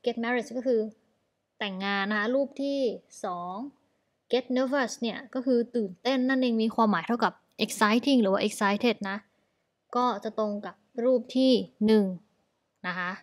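Woman, Thai accent, somewhat high voice; casual online English teacher going over vocab one by one. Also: unhurried. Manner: explains in Thai, mixing English words, with many particles.

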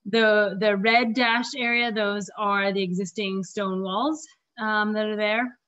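A woman presenting park design options over slides, losing her voice and often clearing her throat between fillers. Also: medium pitch, fairly even intonation, slow, fairly bright tone. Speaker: park planner presenting at a community meeting. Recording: dull lo-fi meeting audio.

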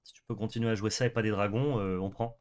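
A man's voice: fairly low pitch, steady tone, quick pace, a little mellow. A young man co-hosting a card game stream, chatting casually, swearing and laughing often. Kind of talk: casual gaming chat.

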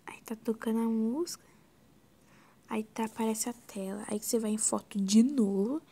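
A Brazilian woman walking through a video editing tutorial in a casual, scattered way, often sinking into a soft whisper and exclaiming to herself. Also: on the high side, moderate pace, slightly rough. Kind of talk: casual screen-recorded tutorial.

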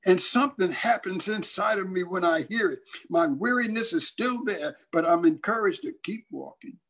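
Older male preacher, husky and high. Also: normal speed, a bit bright. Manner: dramatic, acts out voices. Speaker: evangelist pastor. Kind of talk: storytelling sermon.

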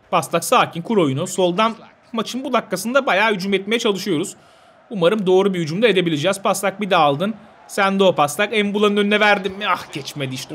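A young man commentating his own football video game, talking to his players like a coach and shouting when goals go in. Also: sits high. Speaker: gaming video host.

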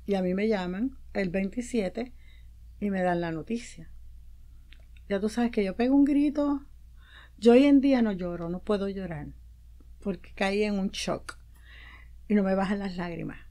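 A woman's voice: medium pitch, unhurried, long pauses, mellow. A woman guest on a radio show, telling a personal story with feeling and acting out the dialogue she quotes. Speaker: guest, promoter and publicist. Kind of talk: casual interview talk. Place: radio studio.

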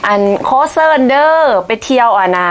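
A woman's voice: fairly high pitch, lively intonation, normal speed, a little hiss or hum. Easygoing woman with a Vientiane accent. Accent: Vientiane Lao. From Vientiane, Laos. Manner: short, easygoing answers. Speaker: guest cook. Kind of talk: casual chat.

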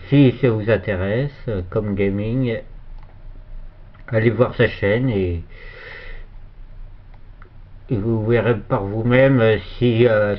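A man giving a casual, hesitant shoutout for another channel while filming his computer screen, with many fillers and restarts. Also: mid-range voice. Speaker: youtuber. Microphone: phone filming a monitor. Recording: dull lo-fi phone recording.

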